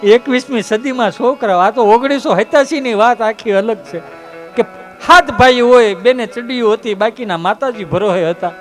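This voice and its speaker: High-voiced comic storyteller man. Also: normal speed, a bit bright, soft background music. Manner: chatty, keeps addressing the audience as sir. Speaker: comedian. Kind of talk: comic folk storytelling to a live audience.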